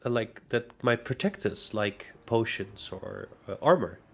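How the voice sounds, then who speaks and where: A man's voice: lowish voice, expressive, measured pace, vocal fry, a bit bright. A man playing in a tabletop role-playing game, chatting casually and asking questions in character. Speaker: player.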